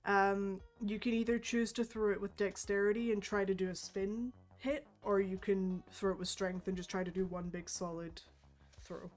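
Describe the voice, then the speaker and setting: A woman's voice: mid-range voice, fairly even intonation, normal speed, darkish tone, faint music behind. Easygoing woman game master. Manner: casual and easygoing, with many fillers. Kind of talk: narrating a tabletop game.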